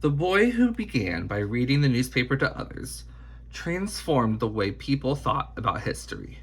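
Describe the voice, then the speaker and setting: On a rough recording, a man gives an expressive read-aloud of a children's biography in a husky, medium-pitched voice edged with gravelly creak. His intonation ranges widely, though his phrasing remains slow and deliberate.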